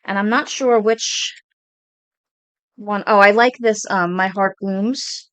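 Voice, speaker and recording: A chatty woman in her forties with a Brooklyn accent talks through her craft projects, rambling happily from one piece to the next. Her voice sits at an ordinary middle pitch, and the sound is dry and close with hardly any room to it. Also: slow pace, dry recording. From Brooklyn, New York. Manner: chatty, rambling, excited about her stitching. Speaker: cross stitch vlogger. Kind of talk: casual show-and-tell chat.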